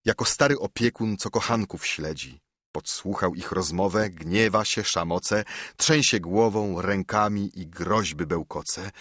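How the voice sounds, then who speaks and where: Husky man reciting epic verse. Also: sits low, fairly bright tone, dry recording, clean studio sound. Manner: measured, rhythmic verse reading. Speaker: narrator.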